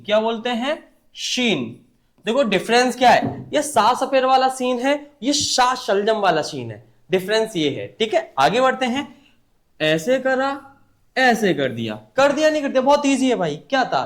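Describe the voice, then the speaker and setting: Man, teacher, online class, high voice, animated, call-and-response, casual. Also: normal speed. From India. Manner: colloquial, addresses class as brother.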